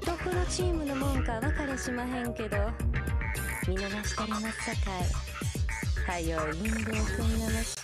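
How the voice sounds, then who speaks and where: Woman acting a high-voiced taunting Kyoto-accented henchwoman. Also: normal speed, lightly acted. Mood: haughty, dismissive. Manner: coquettish, taunting, old-fashioned courtesan speech. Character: haughty, teasing, combative young female hacker henchwoman. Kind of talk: Japanese video game voice acting. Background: game music.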